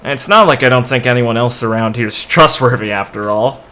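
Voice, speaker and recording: A man's voice: mid-range voice, brisk, sharp tone, close to an everyday voice. A man voicing a young woman who leads her crew, speaking in character in his own voice, thoughtful and a little wry. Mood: reflective.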